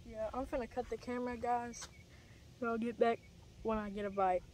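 A young teen boy vlogger talks through a fishing trip by a pond in an extremely high, a little mellow male voice, with fairly even intonation and a slightly fast pace. He's chatty and plain, explaining as he goes, recorded on a handheld camera's mic whose distance shifts, with outdoor noise around him.

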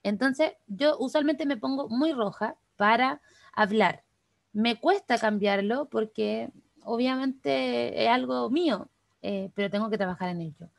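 Fast-talking Chilean woman teaching online. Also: on the high side, gravelly, no room sound. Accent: Chilean Spanish. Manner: fast, chatty, addresses participants directly. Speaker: workshop instructor. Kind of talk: online class talk. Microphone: video call.

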